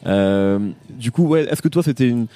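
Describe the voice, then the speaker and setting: A man's voice: mid-range voice, expressive, moderate pace, warm tone, dry recording. A man interviewing a rapper, asking long, winding questions full of fillers. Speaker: interviewer, music journalist. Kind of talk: casual interview chat.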